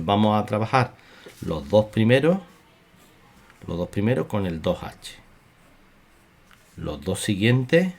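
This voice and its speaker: A man teaching a drawing lesson, talking slowly and repeating his instructions calmly. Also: on the low side. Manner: slow, repetitive, soothing instruction. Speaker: art teacher. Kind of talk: drawing tutorial.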